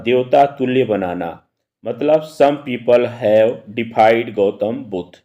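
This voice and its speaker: Slow, mellow-voiced male English teacher. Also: medium pitch. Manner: dictates English example sentences slowly, then explains in Hindi; frequent checking tags like "theek hai". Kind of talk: classroom lesson.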